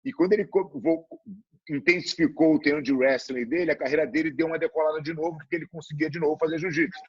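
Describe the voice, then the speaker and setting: Husky Brazilian man interviewing. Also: on the high side, fast, no echo, dull audio. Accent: Brazilian Portuguese. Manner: relaxed, chatty, full of fillers. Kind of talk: casual interview chat.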